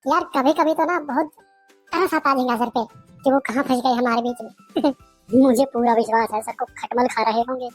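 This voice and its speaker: A man's voice: very high-pitched, steady tone, a little fast, faint music behind. A man voicing a cheeky, mocking schoolgirl in a cartoon, giggling and teasing. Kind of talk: cartoon voice acting.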